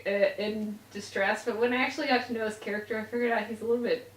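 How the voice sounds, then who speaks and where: A woman's voice: fairly high pitch, fairly even intonation, quick pace. A woman chatting casually on a podcast, hesitant and often restarting her sentences. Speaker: podcast co-host. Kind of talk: casual chat. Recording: roomy, distant from mic, faint noise.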